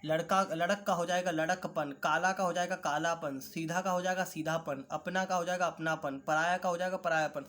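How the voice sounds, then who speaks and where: Guy teacher with a high voice going thru textbook answers slow and careful. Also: fairly even intonation, fairly bright tone. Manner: carefully repeats words for pronunciation drill. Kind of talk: online class lesson.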